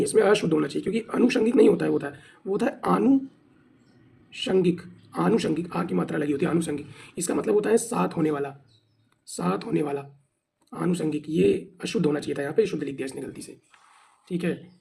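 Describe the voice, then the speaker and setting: Male teacher, high voice with a dark, husky tone, running an exam drill. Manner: explains by asking and answering his own questions; spells words out letter by letter. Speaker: Hindi teacher. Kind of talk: exam practice class.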